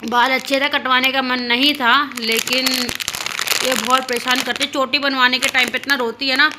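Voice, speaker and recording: A woman's voice: high voice, little pitch movement, moderate pace, very noisy. A young woman at home, chatting casually as a vlogger and mother, telling stories with a teasing manner. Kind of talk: casual home vlog chat.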